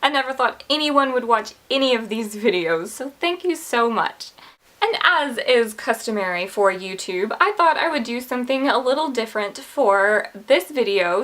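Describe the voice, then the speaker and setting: A woman's voice: a little high, expressive, moderate pace, fairly bright tone. A woman in her twenties, a book vlogger talking casually to camera in a chatty, candid, self-deprecating way. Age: 20s.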